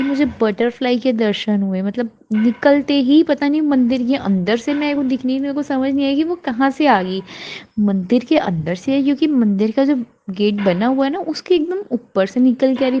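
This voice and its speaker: A woman's voice: medium pitch, mellow, dull audio, a little hiss or hum. A young woman in her twenties sharing a heartfelt devotional testimony at home, earnest and grateful, repeating her thanks. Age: 20s. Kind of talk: devotional testimony, casual chat. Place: at home before a shrine.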